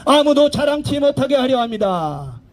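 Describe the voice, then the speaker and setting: A man's voice: extremely high pitch, very animated, normal speed. A man preaching an outdoor evangelistic sermon, emphatic, with many rhetorical questions. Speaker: pastor, street evangelist. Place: outdoor public park.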